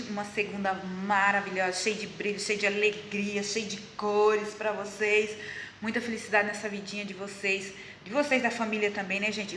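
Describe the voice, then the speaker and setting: Brazilian lady teacher talking to kids, bright voice, asks then answers herself. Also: medium pitch, slight background noise. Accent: Brazilian Portuguese. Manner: warm, encouraging, asks and answers own questions. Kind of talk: online class for children.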